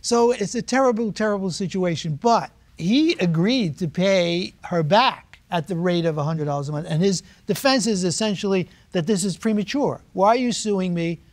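Older man, judge, courtroom studio, lapel mic, measured, probing. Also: high-pitched. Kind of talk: courtroom deliberation.

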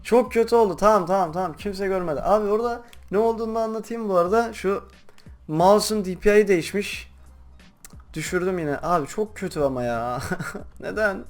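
A young man chatting casually while playing a game, rambling to his viewers and breaking into loud excited shouts. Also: high-pitched, a little fast, faint music behind. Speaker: gaming YouTuber. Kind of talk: casual gameplay commentary.

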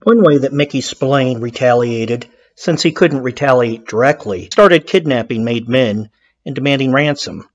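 A man's voice: medium pitch, normal speed, no echo, dull audio. Blunt, opinionated male crime narrator. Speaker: documentary narrator. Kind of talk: conversational true-crime narration.

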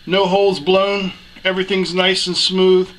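A man's voice: high-pitched, flat delivery, unhurried, low-quality recording. A man hosting a welding lesson, talking folksy and jokey as he demonstrates in a workshop. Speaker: welding instructor, show host. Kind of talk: casual hands-on demonstration. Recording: loud background shop noise.

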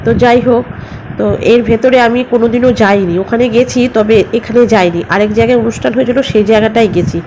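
A woman's voice: on the high side, fast talker, dark tone. A middle-aged woman narrating her family vlog in a chatty, rambling way, often picking up again with filler words. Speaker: family vlogger. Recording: noisy home recording with vehicle sounds.

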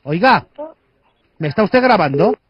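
A man puts on a condescending insurance adjuster from a radio prank, with a Spanish accent from Spain. He is rude and interrupts in a slightly high voice over a dull landline phone. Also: expressive, measured pace, background noise. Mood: indignant, insulting. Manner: interrupting, accusatory, pompous.

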